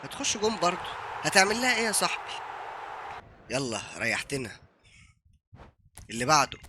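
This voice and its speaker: A young Egyptian man with an Egyptian accent, live-streaming a football game and giving excited commentary while he taunts his opponent. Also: fairly high pitch, fairly quick, background noise. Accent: Egyptian Arabic. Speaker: gaming streamer.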